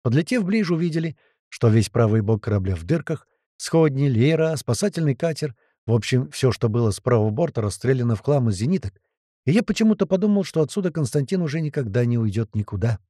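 A man reading a first-person audiobook with tense, lively storytelling. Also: medium pitch, fast talker, dry recording, clean studio sound. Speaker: audiobook narrator.

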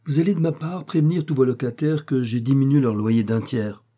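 A man reading a story aloud, voicing a calm young aristocrat who gives curt, authoritative orders. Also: mid-range voice, brisk, close to an everyday voice. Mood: commanding. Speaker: character in a read story. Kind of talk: audiobook character reading.

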